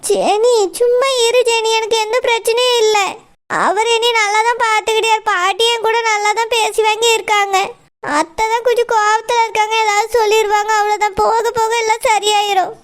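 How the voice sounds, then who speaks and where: A woman voicing a tearful, gentle young daughter-in-law. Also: very high voice, flat delivery, normal speed. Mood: soothing, tearful. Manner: soft, pleading and sobbing. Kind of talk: village cartoon voice acting.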